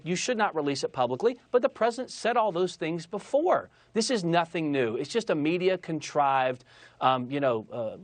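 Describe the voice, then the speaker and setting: In this TV interview, a man acting as a political spokesman hammers home his talking points, arguing forcefully and repeating phrases for emphasis. His voice runs high, and there's no room sound at all.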